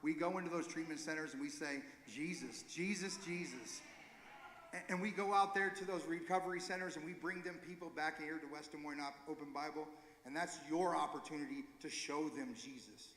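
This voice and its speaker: A man leading a recovery ministry gives an informal, earnest church talk, halting and correcting himself as he goes. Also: a little high, steady tone, a bit bright. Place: church sanctuary. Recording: echoey hall with long reverb.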